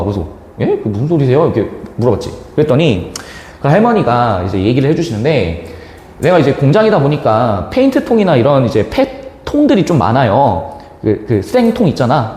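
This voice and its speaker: A man's voice: medium pitch, slight background noise. A young man teaching Korean literature in a classroom, telling a slangy personal story and acting out the voices of the people in it. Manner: animated, slangy, acts out quoted voices. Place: lecture classroom. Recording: echoey classroom with long reverb.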